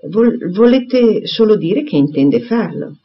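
A man reading aloud and voicing a quick, spirited young gentlewoman who fires off exclamations and questions. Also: sits high, lively intonation, voice pushed up, heavily acted. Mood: flustered. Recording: dull lo-fi recording.

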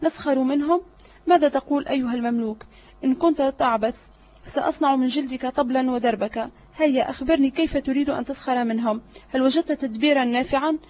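A woman's voice: high-pitched, fairly even intonation, fast, a little mellow, slight background noise, lightly acted. A woman voicing an irritable, threatening male vizier in an audiobook drama reading, blustering and impatient.

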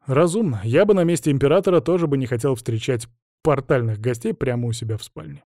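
A man's voice: medium pitch, fast, mellow, dry recording, studio quality. A man narrating a fantasy audiobook in a wry, conversational first-person voice.

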